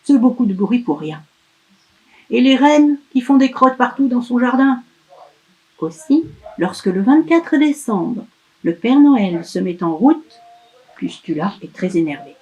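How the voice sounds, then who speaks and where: A woman narrates a children's storybook in an expressive, emphatic manner. Her voice sits high, and she takes her time over every sentence. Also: measured pace, long pauses. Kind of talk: storybook read-aloud.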